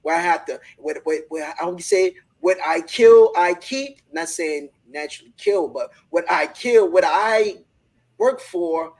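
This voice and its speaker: A man's voice: high voice, lively intonation, a little slow, low-quality recording. A man hosting a live online business discussion, talking in an enthusiastic, motivational way and often repeating words as he starts a thought. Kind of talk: casual group discussion.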